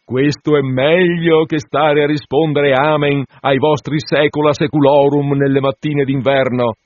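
Guy putting on a high giggly sucking-up church clerk, squeaky and sly, dull dry sound. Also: little pitch movement, measured pace, no room sound, close to an everyday voice. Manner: giggly, fawning. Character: sly, giggling parish clerk, grown man, eager flatterer.

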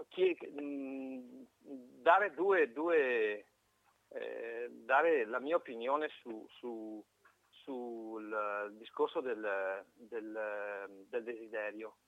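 A man calling in to a live radio show over the phone, giving a halting, reflective opinion with frequent restarts. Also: mid-range voice, no room sound. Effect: heard over a phone line. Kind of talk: call-in opinion on a live broadcast. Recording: tinny dry phone line.

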